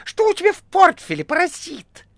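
A squealing, cat-faced fat bully. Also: male voice, extremely high pitch, huge pitch swings, moderate pace, gravelly, no room sound, clean studio sound, heavily acted. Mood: shrieking threats. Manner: piercing, squealing, aggressive. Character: pudgy cat-faced male thug, rude and menacing.

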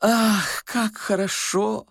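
A man voicing a frightened, tearful old man who wails and pleads in a shrill, drawn-out way. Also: steady tone, gravelly, fairly bright tone, slightly rough, dry recording, clean studio sound, heavily acted. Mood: eager. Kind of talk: audiobook character voice.

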